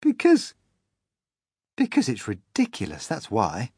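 A man's voice: on the low side, huge pitch swings, a little slow, a little mellow, breathy edge, dry recording, studio quality, full character voice. A man voicing a curious, polite small boy who asks earnest questions. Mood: wondering. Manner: wide-eyed, earnest, questioning.

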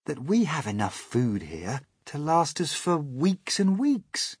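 Man as a slow, patient young boy. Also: fairly high pitch, big pitch swings, slightly rough, dry recording, clean studio sound, pitched above the performer's own voice, full character voice. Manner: earnest, reasoning.

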